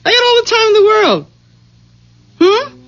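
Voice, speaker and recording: An actress playing a domineering, nagging middle-aged wife in a 1970s radio drama, scolding and whiny. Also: female voice, very high voice, big pitch swings, normal speed, a bit bright, full character voice. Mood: chatty. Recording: dull vintage radio recording.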